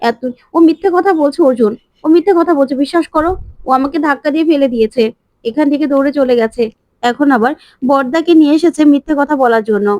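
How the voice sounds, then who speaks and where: A scheming young wife cries foul in a shrill, high, accusing voice, as a woman narrator reads her part. Her words come fast and complaining. The sound is dry and close to the mic. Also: a little mellow, no room sound, lightly acted.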